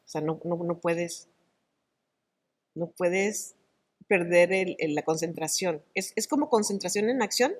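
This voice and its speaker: A middle-aged woman, an actress and oral storyteller, talking in an interview in an animated, expressive way. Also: fairly low pitch, a little slow, pauses often. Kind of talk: conversational interview.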